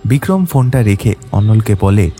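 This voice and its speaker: A man narrating a detective audio story in a steady storytelling manner. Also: lowish voice, moderate pace, faint music behind.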